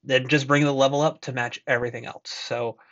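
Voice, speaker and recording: A man's voice: mid-range voice, level tone, fairly quick, fairly bright tone, no echo, lo-fi sound. Man on a bluetooth-style headset mic, dry. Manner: offhand, conversational. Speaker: tech reviewer. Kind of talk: casual microphone test. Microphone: wireless and wired earbud or headset mics, unprocessed. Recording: earbud and headset microphone audio.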